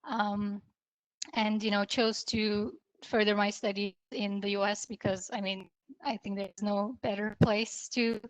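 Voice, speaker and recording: A woman's voice: medium pitch, little pitch movement, measured pace, clean tone, dry recording, poor audio. A woman engineer from Turkey, introducing herself casually on a video call with many hesitations. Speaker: engineer panelist.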